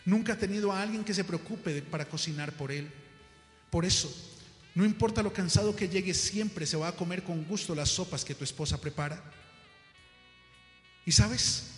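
A preacher voicing a calm, reassuring messenger who has come to take a man away. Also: sits high, close to an everyday voice. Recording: echoey hall with faint music.

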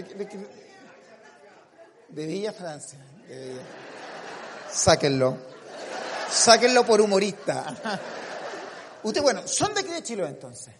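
Animated Chilean comedian, high voice. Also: male voice, in a large hall, background noise. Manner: teasing, animated, quick asides. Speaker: stand-up comedian. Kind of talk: stand-up set and street interviews.

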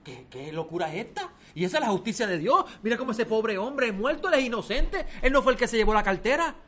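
A man putting on a frantic young disciple, high-pitched. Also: sing-song, fast talker, fairly bright tone, heavily acted. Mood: alarmed. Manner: high, upset, incredulous questioning. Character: alarmed young male disciple, pleading.

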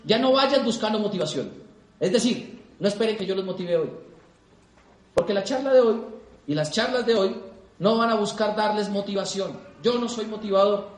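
A young man giving an animated seminar talk to a live audience, repeating points for emphasis. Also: high voice, normal speed, slight background noise. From Colombia. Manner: animated, repeats for emphasis, acts out quoted people. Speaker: motivational speaker. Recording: echoey hall.

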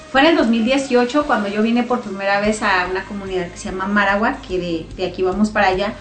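A woman in her thirties from Chihuahua with a northern Mexican accent, talking about her faith as a guest in a radio interview, chatty and full of fillers. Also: a little high. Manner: warm, chatty, laughing, many fillers. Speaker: guest singer and missionary. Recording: roomy studio with faint music.

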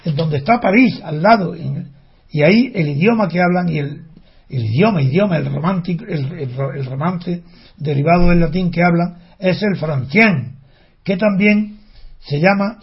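High-voiced man ranting in a monologue, indignant rhetorical questions, dull lo-fi sound. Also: normal speed. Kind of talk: impassioned monologue. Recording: dull lo-fi recording.

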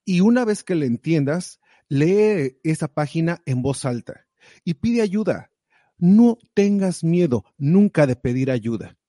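Animated motivational man, dry close sound. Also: a little high, unhurried, no echo. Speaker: guest sharing advice. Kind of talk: casual conversational advice.

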